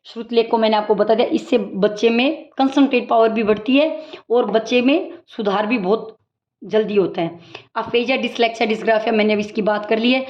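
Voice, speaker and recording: Higher-voiced woman teacher, lo-fi. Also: darkish tone. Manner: brisk recap, explaining with examples. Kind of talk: exam-prep lecture. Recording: dull lo-fi audio.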